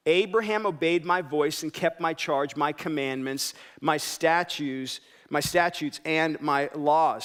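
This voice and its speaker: Male pastor, sermon, light higher-pitched voice, conversational delivery with rhetorical questions. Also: a bit bright. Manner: conversational, self-interrupting preaching with rhetorical questions.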